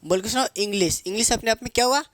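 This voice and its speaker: A man's voice: high voice, racing, dry recording. A man teaching grammar in a playful, joking way, asking questions and answering them himself. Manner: asks questions and answers himself, calls viewers babu.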